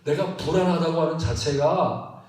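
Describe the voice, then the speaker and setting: A man preaching a sermon as pastor, animated and asking his congregation questions. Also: on the high side, moderate pace. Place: church sanctuary. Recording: echoey church hall, mic at a distance.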